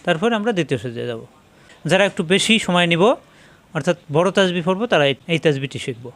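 A man teaching Quran recitation in Bengali, spelling out each syllable step by step and drawing out words slowly when he models them. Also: a little high, animated, a bit bright. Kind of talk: step-by-step spelling and pronunciation lesson.

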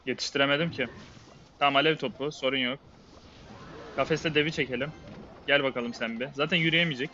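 A man's voice: mid-range voice, fairly even intonation, fast, pauses often, bright, forceful tone, muffled recording, slight background noise. A man giving a live, muttered running play-by-play while he plays a game, often exasperated. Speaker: game streamer. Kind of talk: live gameplay commentary.

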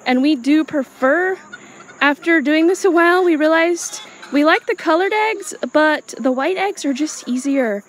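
Unhurried and high-voiced, a woman who runs a small farm vlogs outdoors without a script, narrating chores and thinking out loud. Around her, the recording catches outdoor noise, including insects and animals.

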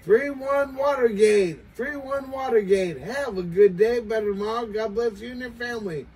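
An older American man calls out on CB radio from a small, cluttered home radio shack, chanting repeated catchphrases and sign-offs. His voice is extremely high, darkish in tone, at normal speed. A far camera catches him speaking into a desk CB mic, so the sound is distant with some background noise.

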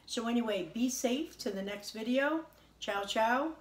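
A fairly high-pitched, animated woman in her forties hosts a casual home cooking video at a measured pace. Chatty and homey, she makes a salad in her kitchen and tastes and praises it as she works, captured by a camera at arm's length on the counter.

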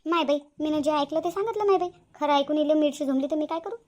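A woman's voice: high voice, quick pace, darkish tone, lightly acted. A woman voicing a gossipy, quarrelsome middle-aged village woman in a cartoon, speaking. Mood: gossiping. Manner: defiant, quarrelsome.

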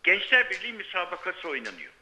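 A man's voice: high voice, very animated, fast talker, sharp tone. A man speaking as a sports writer calling in to a live show by telephone, arguing insistently like a radio show caller and repeating his points for emphasis. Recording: muffled, band-limited live telephone line.

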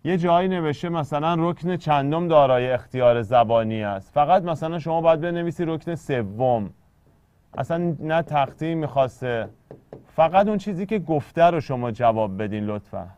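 A man's voice: on the high side, expressive, a little mellow, clean tone, dry recording. A man teaching an exam-prep poetry lesson, explaining step by step and drawing out syllables when he scans verse.

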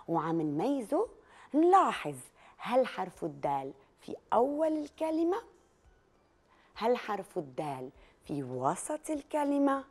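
A woman with a Lebanese Arabic accent, teaching children the letter dal through a clapping game and drawing out each test word slowly. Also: medium pitch, a little mellow. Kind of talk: children's lesson, leading a listening game.

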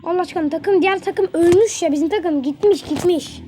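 A young woman giving excitable live commentary while playing a mobile game, talking to the characters on screen as she plays. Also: very high voice, a little fast, a little hiss or hum. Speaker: gaming channel host.

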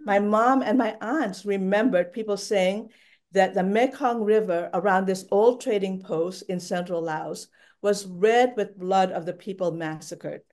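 A woman's voice: mid-range voice, a little slow, darkish tone. Older woman telling her story on a video call. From Thailand. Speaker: panelist. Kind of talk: prepared personal remarks on a webinar. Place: home room, indoors.

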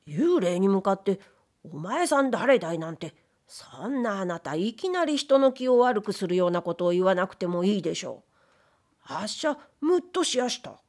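A woman's voice: mid-range voice, big pitch swings, moderate pace, a little mellow. A woman reading aloud, voicing a humble, timid male ghost who was once a wastepaper dealer, speaking in polite, plaintive old Edo commoner speech. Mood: aggrieved. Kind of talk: audiobook reading of period fiction.

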